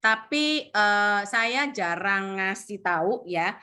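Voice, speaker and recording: A woman training insurance sales agents in an animated coaching talk, mixing in English phrases and acting out what clients say. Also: medium pitch, slow, smooth. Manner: acts out client voices.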